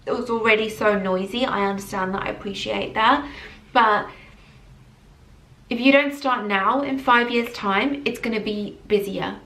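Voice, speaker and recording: A woman's voice: medium pitch, measured pace, roomy sound, distant mic. A woman in her early thirties talking casually and emphatically to camera in a motivational vlog, from England. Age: early 30s. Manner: animated, emphatic repetition. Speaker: vlogger. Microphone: camera mic.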